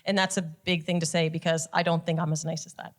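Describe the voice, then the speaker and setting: A woman's voice: low voice, little pitch movement, quick pace. A woman with a Nova Scotian accent speaking on a panel in a museum, candid and self-deprecating. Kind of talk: casual panel talk.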